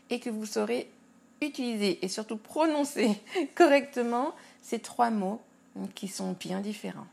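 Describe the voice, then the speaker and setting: A woman hosting a podcast English lesson, explaining words slowly and carefully and spelling them out letter by letter. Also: fairly high pitch, vocal fry, darkish tone. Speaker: English teacher and podcast host.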